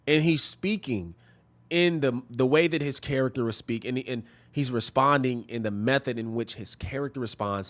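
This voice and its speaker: A man hosting a reaction commentary, speaking earnestly and a little preachily. He leans on "okay?" to drive each point home, at a middling pitch. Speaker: reaction video host. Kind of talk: commentary on played clips.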